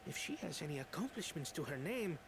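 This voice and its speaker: A woman playing a gossipy townswoman in a video game, animated and snidely dismissive. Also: low voice, fairly quick, a little hiss or hum, rough recording. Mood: dismissive gossip. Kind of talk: video game cutscene acting.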